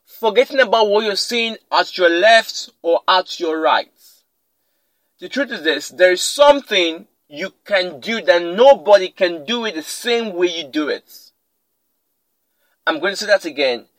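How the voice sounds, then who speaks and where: A man's voice: sits high, lively intonation, unhurried, a bit bright, no echo, rough recording. A man hosting a motivational podcast, speaking emphatically and repeating his key lines for effect. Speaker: podcast host. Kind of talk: motivational talk.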